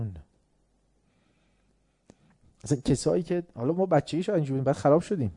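Male lecturer, story-driven and emphatic, warm mellow tone, dead-dry sound. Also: medium pitch, dry recording. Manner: storytelling, acts out dialogue, grows emphatic. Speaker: religious lecturer. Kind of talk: lecture with anecdotes.

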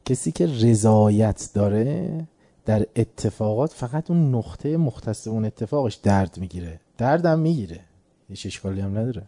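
Casual storytelling preacher guy, laughs at his own tale, deep dark tone. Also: lively intonation. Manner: anecdotal, conversational, chuckling at his own story. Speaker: lecturer. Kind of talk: religious lecture with storytelling.

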